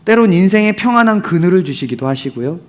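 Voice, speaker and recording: Preaching fast in a high, sing-song voice, this pastor narrates his sermon with animation. He throws rhetorical questions at the congregation and occasionally sinks to a near whisper to drive a point home.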